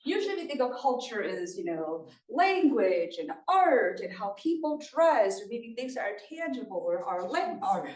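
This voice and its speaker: With big pitch swings and few pauses, a Thai woman speaks at normal speed in a high-leaning, slightly mellow voice, presenting conversationally at a community meeting. She engages the room and frequently checks in with listeners, and the recording is roomy from a distant mic.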